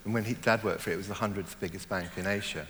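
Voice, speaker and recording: A middle-aged man talks through his ideas in an interview, slowly and reflectively, often pausing and restarting his sentences. His voice sits fairly low. The room has a long reverb and a faint hum in the background. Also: steady tone, fairly bright tone. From born in Germany, raised in Hong Kong. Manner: thoughtful, hesitant, many fillers and restarts. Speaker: novelist, interview guest.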